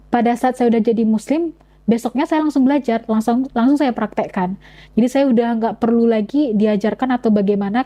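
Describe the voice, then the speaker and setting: A young woman giving an earnest personal testimony, speaking in halting phrases with many restarts. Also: fairly high pitch, dark tone, low-quality recording. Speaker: convert sharing her story.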